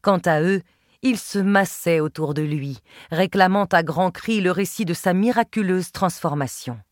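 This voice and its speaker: A woman reading a literary novel aloud in a measured, expressive first-person telling, close to the mic. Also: fairly low pitch, no echo. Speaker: audiobook narrator. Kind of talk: literary audiobook narration.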